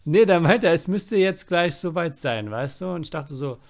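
A man's voice: fairly high pitch, expressive, normal speed. A young man in casual podcast chat, telling rambling anecdotes and acting out quotes.

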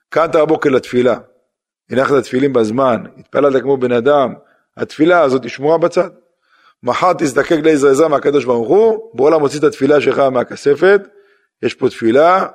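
A middle-aged rabbi giving a sermon, driving points home with rhetorical questions and repetition. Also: male voice, mid-range voice.

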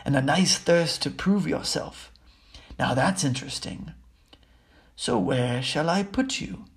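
A man voicing a wise, probing old magic hat that muses slowly and coaxes, with a gravelly voice. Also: fairly high pitch, expressive, exaggerated voice. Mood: musing. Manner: musing, drawn-out and coaxing.

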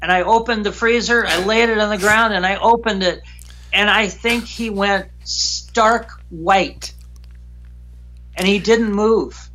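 A man guest recounting a frightening personal story in an emotional, halting way, often repeating himself. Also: high-pitched, steady tone, sharp tone.

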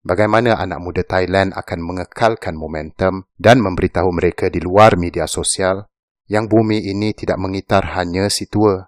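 A man reading an opinion essay aloud in a measured, serious narration. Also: low voice, steady tone, dry recording, studio quality. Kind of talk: scripted narration.

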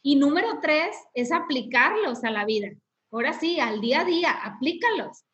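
A woman's voice: high-pitched, expressive, normal speed, fairly bright tone, lo-fi sound. A woman hosting a faith podcast, talking through steps in an instructive way with frequent tag questions. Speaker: podcast host. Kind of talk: casual faith podcast conversation.

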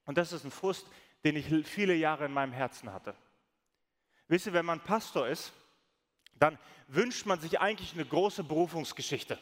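A man preaching as a pastor, telling stories with lively acted-out quotes. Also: a little high, normal speed. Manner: storytelling, animated, acts out quoted voices. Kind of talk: sermon. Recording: long reverb of a large hall.

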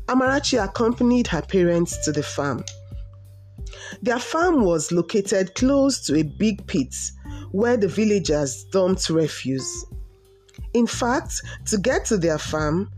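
Slow, expressive woman storyteller. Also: medium pitch. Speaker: narrator. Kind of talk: storybook narration.

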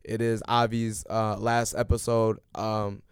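A man's voice: on the low side, little pitch movement, measured pace, clean tone, no echo, clean studio sound. A young man hosting a casual podcast chat. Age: young adult. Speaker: podcast host.

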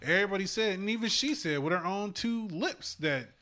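A man's voice: high-pitched, expressive, a little fast, pushed and bright. A man co-hosting a radio talk show, trading joking, streetwise banter in casual chat.

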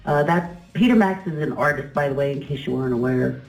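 A woman's voice: very deep voice, fairly quick. A woman hosting a casual travel chat, explaining things in a chatty way. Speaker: vlog host and guide. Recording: echoey, music behind.

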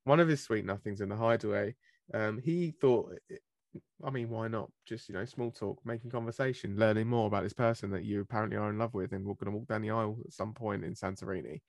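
A man's voice: on the low side, fast talker, gravelly, no room sound, studio quality. A British man from Britain co-hosting a podcast in casual chat, laughing often as he tells stories. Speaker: podcast co-host.

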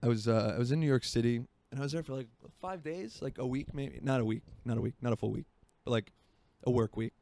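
This mellow-voiced podcast host talks quickly at a medium pitch, barely pausing. He's a twentysomething from Florida doing a solo show from his place by a marina, rambling along and poking fun at himself in casual conversation.

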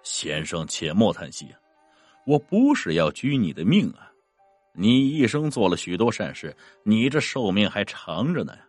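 A deep, commanding ghost general of the underworld, as a storyteller puts him on, grave and unhurried. His tone stays dry and close, with the pitch swinging widely across each sentence. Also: sing-song, darkish tone, no echo, faint music behind. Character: cold stern male ghost general from the underworld.

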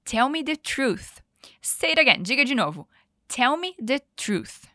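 Brief: higher-voiced woman, podcast English teacher, patient drill pacing, dry close sound. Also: sing-song, sharp tone, dry recording. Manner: patient, coaching, slows down for model phrases. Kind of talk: podcast language lesson.

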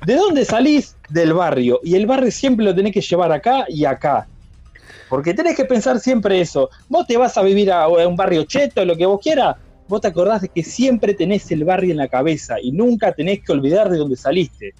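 A man's voice: high voice, very animated, normal speed, mellow, husky, no room sound, dull audio. A young man with a Uruguayan accent, co-hosting a casual music podcast in an emphatic, joking way. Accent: Uruguayan Spanish. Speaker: podcast co-host. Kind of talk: casual chat about music.

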